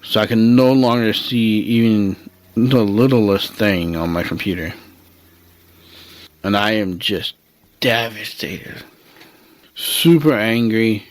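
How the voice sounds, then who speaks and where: A podcast host with a lowish voice shares faith-based personal reflections. He sounds earnest and openly emotional, almost like a preacher, and there's no echo on the recording.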